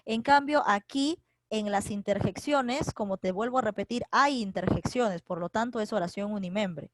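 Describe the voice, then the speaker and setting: A woman teaching an online grammar class to young students. She explains patiently, repeats key points and checks in with tag questions, and slows down to spell out example sentences. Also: mid-range voice, no room sound. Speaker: secondary school teacher. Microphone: computer mic for a virtual class.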